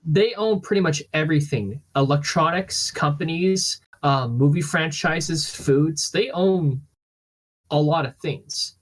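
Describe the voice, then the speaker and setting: A man hosting a casual podcast, explaining things in a halting, rambling way. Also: fairly high pitch, poor audio. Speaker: podcast host.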